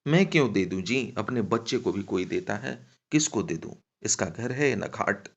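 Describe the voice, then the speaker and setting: A man voicing a furious, foul-mouthed nomad woman, shouting curses in a raised voice. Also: lowish voice, sing-song, normal speed, creaky, exaggerated voice. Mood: indignant. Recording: dull lo-fi recording.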